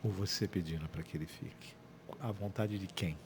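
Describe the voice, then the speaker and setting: A man's voice: sits low, normal speed, a little hiss or hum. A male interview host adding brief, supportive comments to a guest's story.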